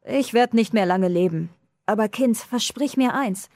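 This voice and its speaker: A woman voicing a frail, feverish old woman who is dying and speaks slowly, weakly and tenderly. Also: on the high side, darkish tone, no room sound, clean studio sound, pitched above the performer's own voice. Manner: slow, weak and tender. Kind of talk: audiobook dialogue.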